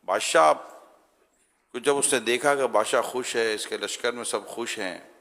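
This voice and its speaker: A male religious scholar giving a storytelling talk, acting out the characters' voices as he goes. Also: mid-range voice. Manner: animated storyteller who acts out voices. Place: studio. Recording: studio with long reverb.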